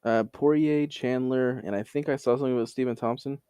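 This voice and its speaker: A man's voice: mid-range voice, steady tone, brisk, dark tone, clear, resonant tone, dry recording, clean studio sound. A man from Canada co-hosting a podcast in casual chat, laid-back and easygoing. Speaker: podcast co-host.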